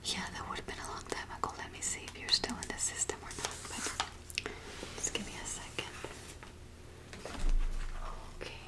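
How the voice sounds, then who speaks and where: A woman in a whispered role-play as an easygoing eye doctor, murmuring softly to a patient and pausing for replies. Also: lightly acted. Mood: casual, chatty. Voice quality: soft, breathy, unvoiced whisper. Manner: halting, murmured one-sided conversation with pauses for replies. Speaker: ASMR performer. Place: small home office, indoors. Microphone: large microphone close beside her.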